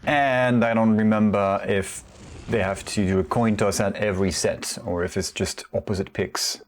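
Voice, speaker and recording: A man's voice: lowish voice, steady tone, moderate pace, slight background noise. A man giving casual solo commentary on a competitive video game match, rambling with self-deprecating asides.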